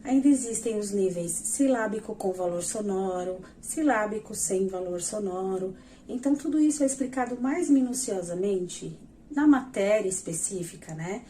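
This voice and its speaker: A woman's voice: medium pitch, animated, normal speed, warm tone, slight background noise. A woman teaching a lesson, patiently explaining examples step by step and talking directly to her viewers. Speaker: educational psychologist teaching. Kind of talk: explanatory lesson over slides.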